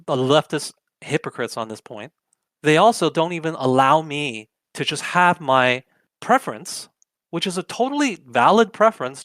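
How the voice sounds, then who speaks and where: A man's voice: a little high, a bit bright, dry recording. Argumentative male commentator, dry sound. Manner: argumentative, emphatic, rhetorical questions. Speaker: political commentary host. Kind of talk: opinionated commentary chat.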